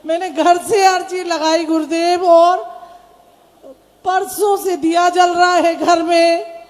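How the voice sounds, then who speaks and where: A woman's voice: very high voice, little pitch movement, slow, darkish tone. A woman devotee from India speaking on stage, emotional, pleading and grateful. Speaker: devotee from the audience. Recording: echoey stage mic with long reverb.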